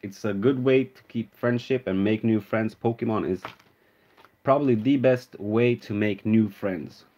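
A man from Sweden, his Swedish accent tinged with American, chats casually on a live stream from an indoor room with a card display, greeting viewers and naming cards as he opens them. His voice is on the low side, mellow, and a little slow.

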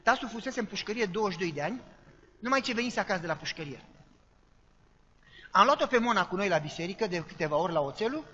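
A male preacher tells a sermon story and acts out what people said and the noises they made. His voice sits high and sounds bright. The recording is dull, and a long hall reverb trails after his words. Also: slight background noise. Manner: dramatic storyteller acting out quoted voices and sound effects.

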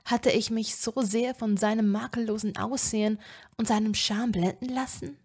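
A woman narrating a fan fiction story in the first person, dropping to a hushed whisper at tense moments. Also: on the high side, fairly even intonation, normal speed, slightly rough. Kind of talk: dramatic audiobook reading of fan fiction.

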